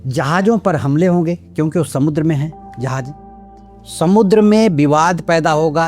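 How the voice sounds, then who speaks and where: A man's voice: medium pitch, a little mellow. An older man, an astrologer, explaining in a lecturing way and listing his points one by one. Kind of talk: explanatory astrology talk to camera.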